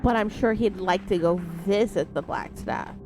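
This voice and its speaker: A woman's voice: mid-range voice, moderate pace, over music. A woman playing a tabletop game with brash, playful casual banter. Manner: brash, profane.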